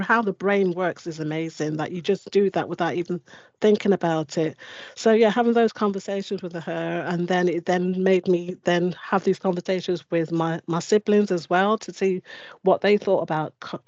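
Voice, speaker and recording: A man's voice: high-pitched, a little mellow, dry recording, dull audio. A man with family roots in Barbados, reflecting thoughtfully in a group discussion, with many fillers and restarts. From England. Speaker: discussion panelist.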